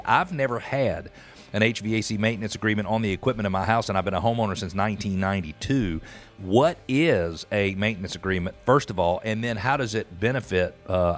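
A middle-aged man hosting a radio interview, asking questions in a curious, conversational way from a small studio on a broadcast mic. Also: on the low side. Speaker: radio show host. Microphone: studio broadcast mic with headphones.

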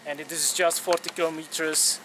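A young man vlogs a cycling trip in a fairly high, monotone voice at a brisk pace, with background noise around him, using an action camera on his handlebars and a handheld one. He chats plainly to the camera on a bike path and while walking through a supermarket, with non-native English phrasing and voice-over narration.

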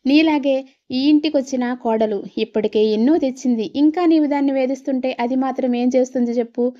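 A woman's voice: high-pitched, a little fast, muffled recording, natural voice. A woman voicing an exasperated grown son who complains to his mother about family strife.

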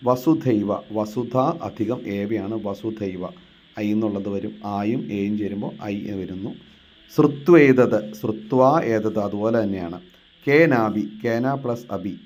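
A man with a lowish voice walks through a textbook lesson like a teacher. He reads each Sanskrit line slowly, then explains it and poses rhetorical questions. Faint noise sits behind him. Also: warm tone.

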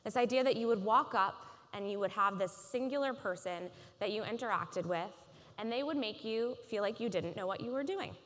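Woman, thirties, keynote speaker, polished measured delivery, conference stage, long hall reverb. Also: mid-range voice, a bit bright.

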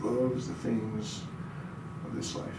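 A middle-aged pastor speaks slowly in a fairly low, level voice as he reads scripture and questions his audience during a sermon. The small church room is very echoey, and the distant recording is noisy.

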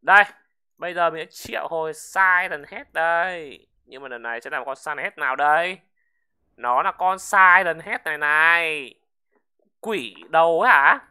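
An excitable gaming channel host, giving let's-play commentary, often shouting wow and repeating words in quick bursts. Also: medium pitch. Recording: clear background noise.

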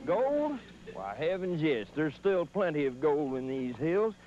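An actor playing a folksy, cantankerous old prospector who rambles in a comedy sketch. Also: male voice, fairly high pitch, big pitch swings, a little slow, a little mellow. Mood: wistful, folksy. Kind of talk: mock documentary comedy sketch. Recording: muffled old VHS tape, music behind.

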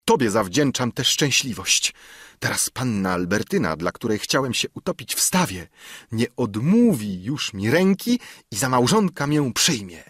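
A man's voice: mid-range voice, sing-song, normal speed, a bit bright, husky, no echo, clean studio sound, voice pushed up. A man voicing an overjoyed older suitor who gushes with thanks in an effusive, exclaiming manner. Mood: ecstatic, grateful. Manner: exclaiming, gushing.

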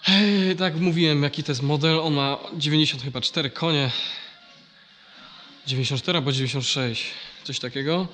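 A man's voice: fairly high pitch, a little fast, fairly bright tone, faint music behind. A man with a nasal, congested voice from a blocked nose, explaining farm machinery in a casual, hesitant vlog style. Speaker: vlogger.

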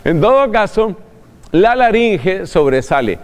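A man with a high voice gives a talk in an easy, chatty way, addressing the listener directly and chuckling now and then. A long reverb trails behind his words. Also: very animated, a little slow, smooth. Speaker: preacher. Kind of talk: recorded religious talk.

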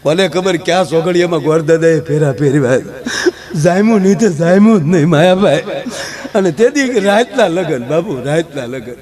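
A man's voice: fairly high pitch, expressive, normal speed, darkish tone, natural voice. A man voicing a glum, henpecked married man in his forties who complains ruefully. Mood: complaining.

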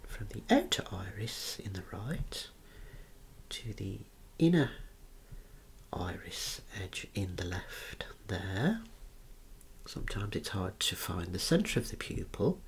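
A lowish male whisper with vocal fry carries this clinical ASMR role-play. He demonstrates eye and head measurements, offering slow, careful instructions and gentle praise.

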